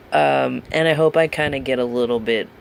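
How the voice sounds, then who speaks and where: A man's voice: mid-range voice, gravelly, a little hiss or hum. A man chatting casually to camera in a vlog, rambling with lots of ums, joking frankly and laughing at himself, at home. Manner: candid and joking, swears casually. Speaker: vlogger. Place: at home with his cat.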